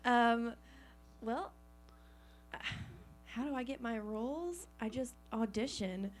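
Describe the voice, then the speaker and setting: A woman's voice: a little high, expressive, slow pace, soft background music. A woman actress being interviewed on a radio show, giggly and hesitant, with many fillers. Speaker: actress guest. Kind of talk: interview answers.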